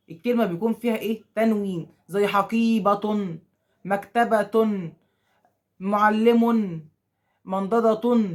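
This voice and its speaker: Fast-talking Egyptian teacher, quizzing himself. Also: male voice, sits high, darkish tone. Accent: Egyptian Arabic. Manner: quizzing, repeating questions and answering them himself; acts out pupils' objections. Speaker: Arabic grammar teacher. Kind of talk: online grammar lesson for school pupils.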